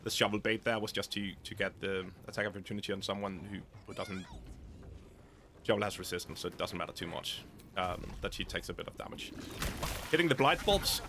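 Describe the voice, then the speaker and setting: A man's voice: on the low side, bright, forceful tone, a little hiss or hum. A man casually commenting over his own gameplay, thinking aloud and often restarting his sentences.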